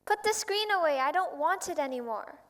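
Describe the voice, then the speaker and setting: A woman's voice: extremely high pitch, expressive, fairly quick, fairly bright tone, soft background music. A woman acting a proud, tender rose on a school auditorium stage, speaking wistfully. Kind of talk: stage play performance.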